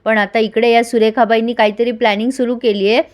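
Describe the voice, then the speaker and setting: A young woman with a fairly high voice tells a viewer what happened in a TV serial episode. She slips into the characters' quoted lines and keeps the story moving between them. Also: quick pace. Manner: lively retelling, voicing characters' quoted lines. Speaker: TV serial recap host. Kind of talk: storytelling recap of a soap episode.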